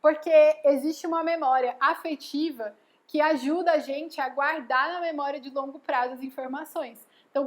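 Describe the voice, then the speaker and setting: A woman giving a casual live lesson, explaining step by step and often checking in with "né?" and "tá bom?". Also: sits high. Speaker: educator giving a live class.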